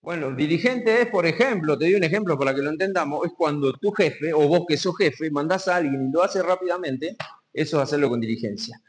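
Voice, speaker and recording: Rioplatense pastor preaching in a reverberant hall. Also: male voice, on the high side, fairly quick. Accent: Rioplatense Spanish. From Argentina. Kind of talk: sermon. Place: community hall.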